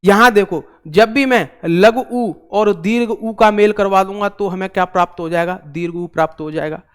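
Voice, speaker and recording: Male online tutor, high clear voice, talkative and repetitive. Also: moderate pace. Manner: chatty, repeats himself, joking asides to viewers. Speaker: teacher. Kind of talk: online exam-prep class.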